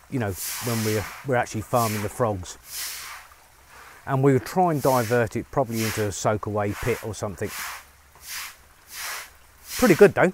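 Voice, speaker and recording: Casting: middle-aged bloke, lapel mic, upbeat farm vlogger, faint outdoor ambience. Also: male voice, medium pitch, noisy background. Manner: chatty, upbeat, many fillers. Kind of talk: casual vlog narration to camera. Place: outdoors on a rural farm, rainy.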